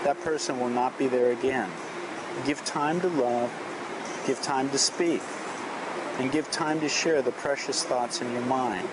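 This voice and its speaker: Outdoors at a beach, a man with a fairly high voice vlogs in a reflective, earnest way, talking and reading an inspirational message aloud at a measured pace. The recording is noisy, with traffic-like ambience and clearly audible outdoor background noise.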